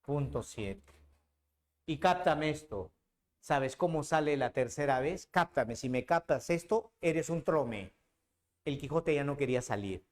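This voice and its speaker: Profesor peruano, dramático y cercano. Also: male voice, a little high, expressive, measured pace. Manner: dramatic storyteller who addresses the student directly. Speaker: literature teacher. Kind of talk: animated lecture.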